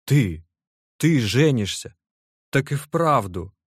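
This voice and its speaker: A man voicing an excitable, emotional young man with a loud, exclamatory way of talking, in an audiobook reading. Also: on the low side, measured pace, no echo, clean studio sound. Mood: astonished, excited.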